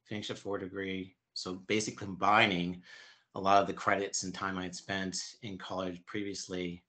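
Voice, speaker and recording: A man in his fifties answering interview questions in a halting, explanatory way. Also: low voice, flat delivery, pushed and bright. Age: 50s. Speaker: interview guest.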